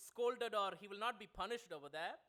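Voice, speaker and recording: A man with a Malayalam accent interpreting a sermon into English. He pauses a lot, says "uh" often and keeps adding "over there". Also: sits high, bright, forceful tone.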